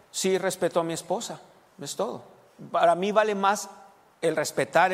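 A man's voice: a little high, long reverb tail. A middle-aged man preaching a sermon to his congregation, asking them questions as he goes and often restarting his phrases. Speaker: pastor.

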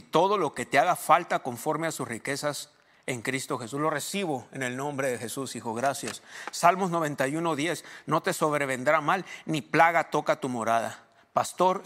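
Mexican pastor guy preaching, kinda high voice, goes quiet then shouts. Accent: Mexican Spanish. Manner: swings from low murmurs to loud shouted preaching. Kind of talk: sermon.

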